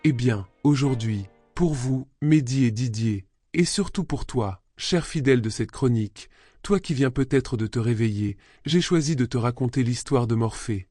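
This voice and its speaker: Mellow man telling a story intimately over music. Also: mid-range voice, lively intonation, normal speed, no room sound. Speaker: radio column storyteller. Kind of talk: scripted storytelling narration.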